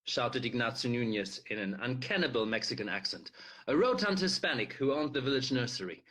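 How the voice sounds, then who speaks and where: A man reading a novel aloud, animated, with loud acted dialogue. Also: mid-range voice, breathy edge. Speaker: reader.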